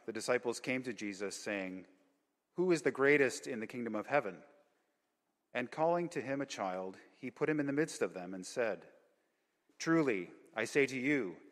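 A man's voice: medium pitch, a bit bright. A man formally reading the gospel aloud during a church service, heard in a cathedral echo. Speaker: gospel reader. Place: large church.

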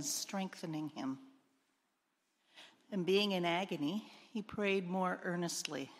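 A woman reads the gospel as clergy would in a service, formal and solemn. Her voice sits a little low. Every phrase trails into a long cathedral echo. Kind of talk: formal liturgical gospel reading. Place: large church, indoors.

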